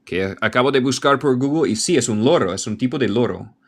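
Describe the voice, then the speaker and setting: A man from Michigan, speaking Spanish as a second language with an American accent, patiently reading a story and explaining words in a slow bilingual lesson. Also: mid-range voice. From Michigan, United States. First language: English. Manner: patient, explains words aloud, thinks out loud. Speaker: language teacher.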